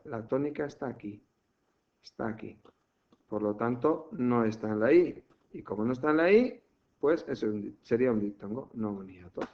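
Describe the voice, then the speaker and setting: A man's voice: mid-range voice, animated, normal speed. A man from teaching a language lesson, patiently explaining step by step and checking in often. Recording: muffled lo-fi home recording.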